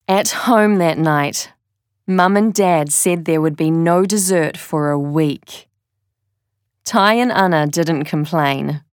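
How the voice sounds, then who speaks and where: A woman reading a children's story aloud as narrator, slow and deliberate. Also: on the low side, smooth, no room sound, clean studio sound.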